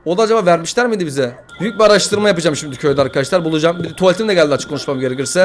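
A young man playing a horror game, swearing, joking and yelling at the game as he comments. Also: on the high side, racing, soft background music. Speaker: gaming YouTuber.

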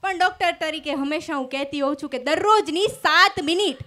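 A woman's voice: high voice, fairly quick, pushed and bright. A woman doing stand-up comedy on stage into a microphone, telling stories with acted-out dialogue and punchlines. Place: stage before a live audience.

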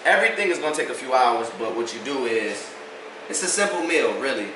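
A man's voice: medium pitch, very animated, a little fast. Young guy, louisiana accent, chill joking cooking vlog, echoey kitchen, phone on the counter. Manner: joking, laid-back, teasing. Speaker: cooking vlogger. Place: home kitchen, indoors. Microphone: phone camera on the counter. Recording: echoey kitchen with background noise.

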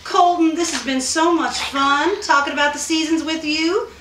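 A woman's voice: sits high, normal speed, fairly bright tone, far from the mic, slight background noise. A woman voicing a bubbly female duck who interviews people in a gushing, sing-song, overly sweet manner. Her voice is recorded off-mic with roomy echo. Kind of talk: children's puppet interview.

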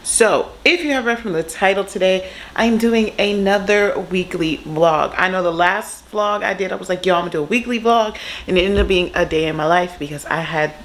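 A woman vlogger chatting casually to the camera, expressive and full of asides, with her voice slightly congested. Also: medium pitch, moderate pace, hardly any pauses, low-quality recording. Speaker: lifestyle vlogger. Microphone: camera mic.

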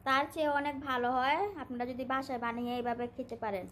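A woman talks viewers through a home snack recipe in a chatty, homely way. Her voice sits high. A faint hiss of background noise runs under the recording. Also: fairly even intonation, fast talker, fairly bright tone. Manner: chatty and homely, coaxing a small child. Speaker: home cooking vlogger and mother. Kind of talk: casual home cooking vlog.

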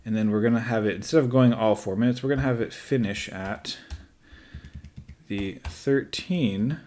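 Low-voiced man walking through a software tutorial. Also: moderate pace, slight background noise. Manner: relaxed, step-by-step instructions with light asides. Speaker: teacher. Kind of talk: screen-recorded software tutorial.

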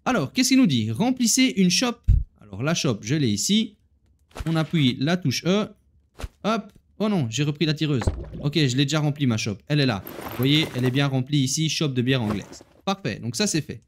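A man's voice: fairly high pitch, sing-song, moderate pace, slight background noise. A man hosting a gaming video, chatting casually to viewers as he plays and laughing at himself. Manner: chatty, talks straight to viewers while playing. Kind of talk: casual gameplay commentary.

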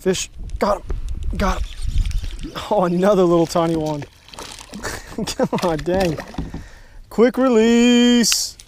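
A young man from Texas in a kayak on an open lake, talking excitedly to viewers as he fishes, recorded on a head-mounted action camera. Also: sits high, slow pace, long pauses, slight background noise. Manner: excitable, talks to viewers while fishing. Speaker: fishing vlogger. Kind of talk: casual first-person fishing commentary.

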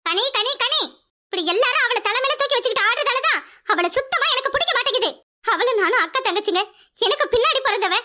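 A high-voiced performer playing a jealous, spiteful young woman who speaks in curt, cutting jabs. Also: fast, bright, forceful tone.

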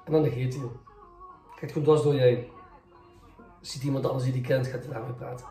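Warm-voiced man telling a personal story. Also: mid-range voice, fairly even intonation, fairly quick. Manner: candid, reflective retelling, acting out both sides of arguments. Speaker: journalist. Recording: roomy echo, faint music.

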